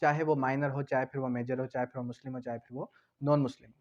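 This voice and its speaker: Speaking fast in a mid-range, level, darkish voice, a Pakistani-accented man teaches law in a didactic, repetitive lecture, posing questions he then answers. He blends Hindi-Urdu with English legal terms, and the recording's highs are cut off.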